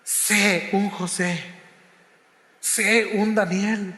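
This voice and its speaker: Pastor, high voice, unhurried dramatic sermon delivery, roomy hall reverb. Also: male voice, steady tone. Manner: dramatic, acts out quotes, drops to hushed low voice. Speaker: preacher. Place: church sanctuary.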